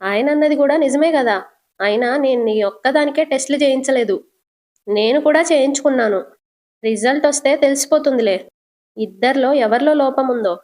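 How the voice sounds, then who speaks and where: A woman's voice: high voice, moderate pace, darkish tone, voice pushed up, lightly acted. A woman voicing an arrogant young husband who talks bluntly and scolds, in a serial recap. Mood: dismissive.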